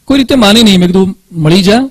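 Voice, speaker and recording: A man's voice: high-pitched, fast, dry recording, low-quality recording. A man with a Gujarati accent giving a motivational talk to students, telling stories and acting out dialogue, with English words mixed in.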